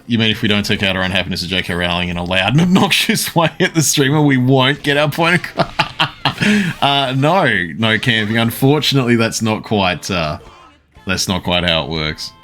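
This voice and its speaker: Man streamer, low voice, chatting. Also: animated, pushed and bright, faint music behind. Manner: responds to chat messages, pausing often to think. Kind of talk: casual live-stream chat while gaming.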